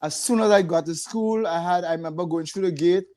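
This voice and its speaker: Speaking fairly quickly in a high, slightly mellow voice, an older man from San Fernando, south Trinidad, recalls the past for an interviewer. He has a Trinidadian accent, chuckles a lot, and is a retired rehabilitation director appearing as a podcast guest.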